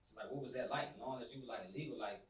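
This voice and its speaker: A man's voice: mid-range voice, rapid-fire, recorded from a distance. A man interviewing a guest, asking rambling questions full of fillers. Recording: echoey room, off-mic.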